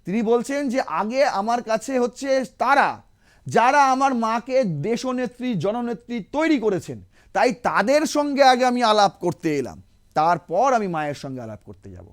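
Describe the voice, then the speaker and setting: A man's voice: extremely high pitch, big pitch swings, moderate pace. A man giving emphatic political commentary, full of rhetorical questions and sarcasm.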